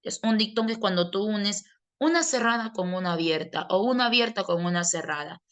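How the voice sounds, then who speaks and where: A woman's voice: medium pitch, expressive, brisk, fairly bright tone. A woman teaching a grammar class. She explains patiently and answers questions she poses in her students' voices. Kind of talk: online class lecture.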